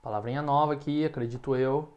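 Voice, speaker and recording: Brazilian man teaching English slowly. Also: mid-range voice, steady tone, darkish tone, lo-fi sound. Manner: explains patiently, repeats English examples slowly and clearly. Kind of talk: language lesson.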